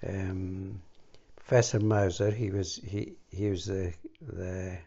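An older Scottish man reminiscing about his youth, speaking haltingly with many fillers and restarts. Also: sits low, little pitch movement, mellow, breathy edge, muffled recording. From Scotland. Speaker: interviewee. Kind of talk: reminiscing conversation.

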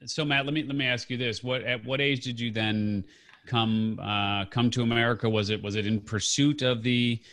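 A man's voice: mid-range voice, steady tone, normal speed, fairly bright tone. A man hosting an interview, asking questions in a rambling way with fillers and backtracking. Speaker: podcast host. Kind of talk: conversational interview.

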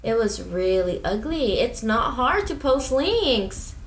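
A woman's voice: fairly high pitch, sing-song, slow. A young woman in her twenties talks through a casual home podcast. She is opinionated and chatty, leaning on "like" as she thinks aloud. The room sounds echoey, with faint background noise. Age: 20s. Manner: chatty, opinionated, many "like" fillers. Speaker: podcast co-host.

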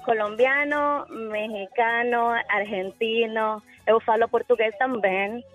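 A confident Ecuadorian woman calls in to a radio show. Her voice sits a little high and sounds cheerful. A music bed plays under her. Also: steady tone, slow, narrow, tinny audio. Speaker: caller.

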